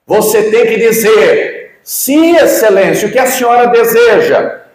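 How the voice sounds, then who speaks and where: A man's voice: extremely high pitch, a little slow, darkish tone, very echoey, voice pushed up, low-quality recording. A man voicing a furious female judge who screams orders at a witness. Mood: screaming.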